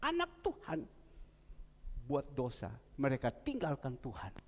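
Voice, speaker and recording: A man preaching as pastor in a church, with emphatic delivery that leaps to loud bursts. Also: mid-range voice, huge pitch swings, a little slow. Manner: emphatic preaching, reading a testimony aloud with sudden loud rises. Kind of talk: sermon. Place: church sanctuary. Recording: long church hall reverb.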